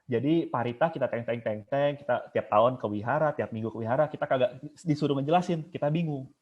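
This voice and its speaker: A man lectures casually over a video call, wandering from point to point and now and then breaking into a chanted line. His voice sits at a middle pitch, and the call audio is a little muffled. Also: fast. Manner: casual and digressive, sometimes chanting examples. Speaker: guest speaker teaching chanting. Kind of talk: informal online lecture.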